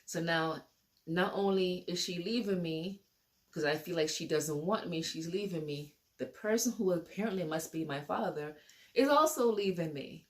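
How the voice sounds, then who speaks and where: A woman's voice: on the low side, moderate pace. A woman telling a personal story to camera in a casual, rambling way, repeating and restarting her sentences.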